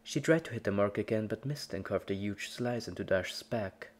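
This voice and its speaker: Reading a horror story from a script, a woman with an unusually deep voice for her sex narrates dramatically. She speaks at a normal speed.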